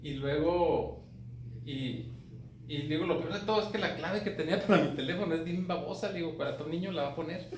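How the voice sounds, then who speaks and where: A man with a Mexican accent talks casually and swears freely, often asking if his listeners follow him. His voice sits fairly high. The recording is distant and echoey, with faint background noise. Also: brisk. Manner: profane, colloquial, often asks "me entiendes". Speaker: speaker on grief. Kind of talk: casual talk.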